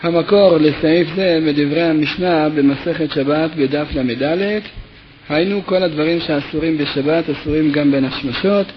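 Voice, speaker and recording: A man's voice: on the high side, lo-fi sound, a little hiss or hum. A man teaching a Torah lesson, telling a parable with acted quotes and then explaining legal texts step by step. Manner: storytelling with lively acted quotes, then steady explanatory reading of legal text. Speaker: rabbi teaching.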